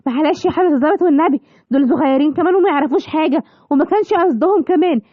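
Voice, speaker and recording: A woman's voice: sits high, very fast, no room sound, lightly acted. Woman doing a coaxing mother lioness. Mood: pleading. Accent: Egyptian Arabic. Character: mother lioness, gentle and pleading. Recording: dull lo-fi, clear background noise.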